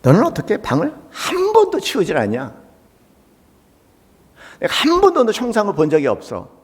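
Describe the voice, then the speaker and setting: A man's voice: high-pitched, wildly swooping pitch, normal speed, husky, voice pushed up, exaggerated voice. A pastor voicing an exasperated mother who scolds her teenage son in a sermon anecdote, with a church's long reverb behind him. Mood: scolding. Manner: nagging, exasperated.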